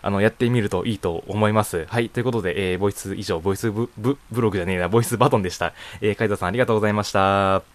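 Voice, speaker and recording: A man's voice: fairly low pitch, racing, hardly any pauses. A young man in his student years hosting his own net radio show, talking alone in a loose, rambling way with frequent chuckles and fillers. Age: young adult. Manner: rambling, chuckles often, many casual fillers. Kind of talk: casual solo talk answering a voice questionnaire. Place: home room.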